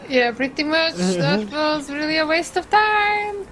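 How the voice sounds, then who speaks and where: Higher-voiced woman gamer, noisy line. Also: sing-song, unhurried, fairly bright tone. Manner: chatty, giggly, guides the way. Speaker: co-player. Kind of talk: casual gaming chat. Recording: noisy background.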